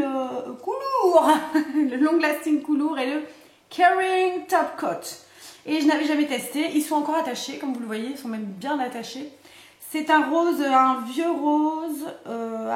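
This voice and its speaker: A young woman chatting casually to camera about her beauty purchases, rambling and laughing at herself with lots of fillers. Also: high-pitched. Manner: chatty, rambling, self-mocking with frequent fillers. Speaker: beauty vlogger. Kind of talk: casual haul chat to camera. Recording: echoey room.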